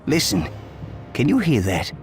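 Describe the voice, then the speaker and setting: Kindly, expressive old angel advisor. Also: male voice, mid-range voice, unhurried. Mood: earnest. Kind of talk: video game character acting. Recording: loud music behind.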